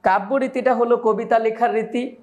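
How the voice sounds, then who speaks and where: A young man teaching an online exam-prep grammar class, chatty and joking, slowing down to recite old verses. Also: extremely high pitch, steady tone, darkish tone.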